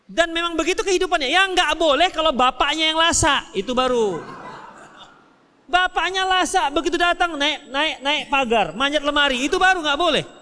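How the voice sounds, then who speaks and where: A man with a Medan Indonesian accent giving a religious study lecture and answering questions, lively and jokey, acting out little dialogues. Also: extremely high pitch, moderate pace. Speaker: Islamic preacher. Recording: hall reverb.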